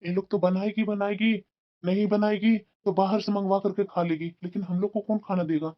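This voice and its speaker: A man's voice: high-pitched, steady tone, moderate pace, lo-fi sound, lightly acted. A man voicing an elderly cartoon father-in-law who complains wearily that no one will feed him. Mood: worried.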